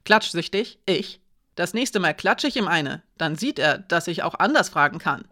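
Frau spricht eine spitze, empörte junge Magd. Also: female voice, lowish voice, animated, moderate pace, bright, forceful tone. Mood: indignant. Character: young woman, servant, proud and prickly.

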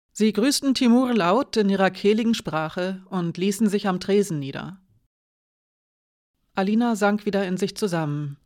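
An audiobook narrator reads a fantasy novel in a measured, steady way. The voice is mid-pitched and even. The recording is close and dry. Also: dry recording.

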